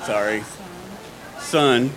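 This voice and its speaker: A man's voice: medium pitch, drawn-out words, crowd noise, rough recording. A man making informal church announcements who stumbles now and then. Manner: informal, stumbling over words.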